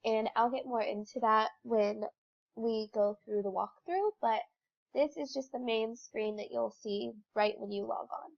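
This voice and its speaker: A student presenter, congested from a cold, walks through her slideshow in an informal, explanatory way with a few fillers. Her stuffy voice is on the high side, steady and a little slow, with a creaky edge, and the audio sounds dull.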